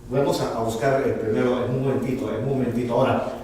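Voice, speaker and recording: A male pastor preaching a lively sermon, acting out the voices he quotes. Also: mid-range voice, quick pace, slight background noise. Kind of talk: bilingual sermon. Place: church hall. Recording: echoey hall from far off, faint ambience.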